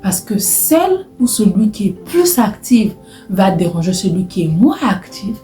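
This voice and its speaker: This is a woman from Brazzaville giving casual advice straight to her viewers. She has a mellow, dark voice and often repeats herself for emphasis. The room is echoey, with faint music under her. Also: mid-range voice, big pitch swings, a little slow. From Republic of the Congo (Brazzaville). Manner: chatty, addresses viewers directly, repeats phrases for emphasis. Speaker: vlogger. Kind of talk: casual advice talk to camera.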